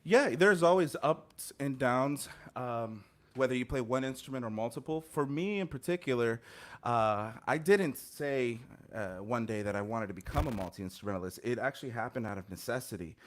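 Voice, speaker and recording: Speaking at a normal speed with lively intonation and a mid-range voice, a guest musician in his thirties answers interview questions earnestly and reflectively, full of fillers and restarts. He's on a video call, wearing headphones, using a studio mic on a stand at home.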